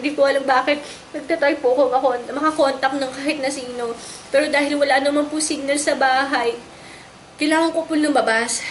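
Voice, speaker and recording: Distressed young woman, high voice. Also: a little hiss or hum. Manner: distressed, polite, halting and repetitive. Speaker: wife recounting a raid on her home. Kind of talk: emotional testimony to camera.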